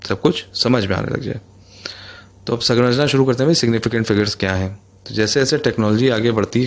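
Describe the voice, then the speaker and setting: Male physics teacher, lowish voice, casual lecturing tone, repeats himself, addresses listeners directly. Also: gravelly. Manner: conversational, addresses listeners as bhai, repeats phrases. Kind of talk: explanatory lecture.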